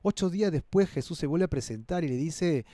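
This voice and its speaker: A man preaching a sermon in a dark, mellow voice that sits a little high for a man. He brings the scripture to life by acting it out and pleads earnestly with his listeners. The sound is close and dry. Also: lively intonation, brisk, dry recording. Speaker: pastor. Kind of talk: expository sermon.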